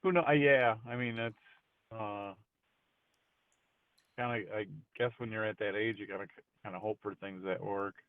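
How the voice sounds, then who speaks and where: Over a tinny phone connection, a man with a lowish voice chats casually at a moderate pace, pausing often, with no echo. His speech is hesitant and full of restarts, turning animated whenever he's surprised.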